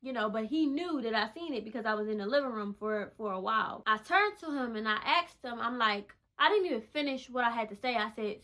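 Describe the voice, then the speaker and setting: Candid female vlogger, bright and a touch high, emphatic storyteller. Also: animated, a little fast, few pauses. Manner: emphatic, repeats phrases for effect; candid, conversational. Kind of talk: personal storytelling testimony.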